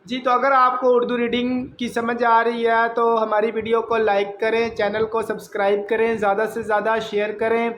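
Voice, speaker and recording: A man's voice: extremely high pitch, completely flat delivery, moderate pace, few pauses, fairly bright tone. A man teaching reading, patiently sounding out each letter before saying the whole word. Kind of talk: slow phonics lesson, spelling out letters. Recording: roomy, dull lo-fi audio with faint noise.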